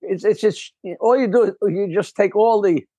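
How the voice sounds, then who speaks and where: An older man, a comedian guest, telling stories in a lively, rambling way, often breaking off and restarting with a chuckle. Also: sits high, moderate pace, dry recording. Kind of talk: casual storytelling interview.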